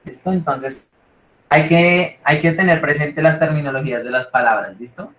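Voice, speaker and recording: A Bogotá-accented Colombian man teaches a literature class live over a video call, his voice a little high, fairly bright and moderately paced. The lecture is informal and rambling, and he checks in with his students constantly. The room sounds echoey.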